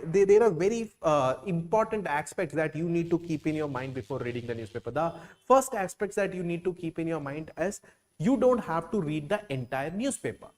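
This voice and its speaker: A man's voice: on the high side, darkish tone. A man from Kerala with a Keralite Indian English accent giving a classroom lecture as an exam coaching teacher, repeating phrases with many "uh" and "like" fillers.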